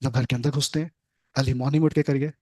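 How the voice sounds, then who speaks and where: A man's voice: mid-range voice, steady tone, fast talker, a little mellow, no echo. A man with an Indian accent, a coaching teacher giving a motivational talk to his students, urging them on in short listed phrases. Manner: earnest, exhorting, lists advice in short phrases.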